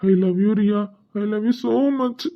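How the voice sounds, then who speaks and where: A performer voicing a gentle young husband in a cartoon, with a Tirunelveli Tamil accent, asking anxious, quick questions. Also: mid-range voice, steady tone, gravelly, phone-quality sound, music in the background. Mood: overjoyed.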